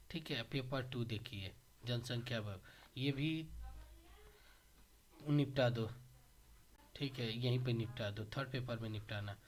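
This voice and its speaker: A man teaches an informal exam-prep lesson, speaking at an ordinary middle pitch. He guides students through the syllabus step by step and keeps checking that they follow along. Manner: instructive, addresses students directly, frequent checks for understanding.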